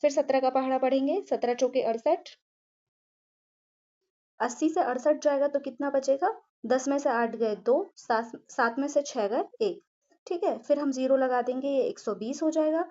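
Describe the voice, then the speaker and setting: A woman's voice: high-pitched, normal speed, dark tone, lo-fi sound. A woman teacher walking through a maths problem step by step, patiently checking in with the class and answering her own questions. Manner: patient, repeats "ठीक है" and asks herself questions.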